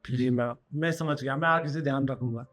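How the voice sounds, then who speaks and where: A man's voice: medium pitch, steady tone, brisk, a bit bright, faint music behind, natural voice. A man playing a working son and husband who argues back with his mother and then apologizes. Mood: apologetic. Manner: defensive, pleading. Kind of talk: short family drama acting.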